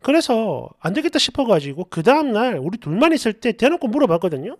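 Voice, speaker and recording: A woman narrating online posts as a story, animated and acting out the quoted lines. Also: fairly high pitch, quick pace, no room sound, clean studio sound.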